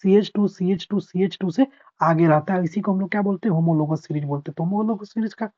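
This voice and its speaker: In a dull, lo-fi recording, a man runs a chemistry revision session in a high, slightly mellow voice. He goes over key points more than once, reads out English definitions at a slow pace and asks the students if they've understood, all with a patient manner.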